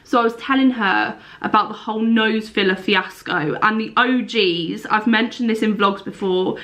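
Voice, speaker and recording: Speaking at a moderate pace in a mid-range, fairly bright voice, a young woman vlogs casually to camera at home. The lifestyle vlogger sounds congested and sniffly with a cold, and her talk is chatty and meandering.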